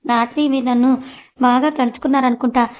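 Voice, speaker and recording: A woman's voice: sits high, steady tone, fairly quick, lightly acted. A woman voicing a playful young man who teases his boss in an audiobook story. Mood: teasing. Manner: cheeky and teasing.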